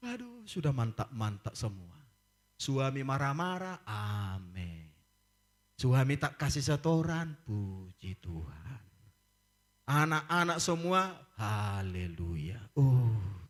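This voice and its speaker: Animated preacher man. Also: medium pitch. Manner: animated preaching, acts out quoted voices, laughs. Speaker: pastor. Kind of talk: lively sermon.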